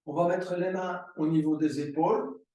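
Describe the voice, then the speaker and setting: A man teaching a yoga class, giving slow, calm breathing and movement cues. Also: fairly high pitch, far from the mic. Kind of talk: guided yoga class instruction. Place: room recorded as an online class. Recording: roomy echo, voice from afar.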